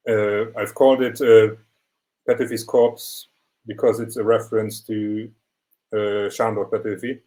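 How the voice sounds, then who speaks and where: A young man presents his photography series in a measured, explanatory way. His voice sits fairly low. It comes through a video call. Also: a little mellow, low-quality recording. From Germany. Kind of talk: online portfolio presentation.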